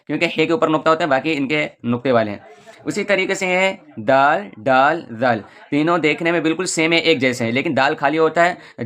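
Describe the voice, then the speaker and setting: A man's voice: fairly high pitch, a bit bright. Patient male Urdu teacher. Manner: slow, patient letter-by-letter recitation. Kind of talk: lesson.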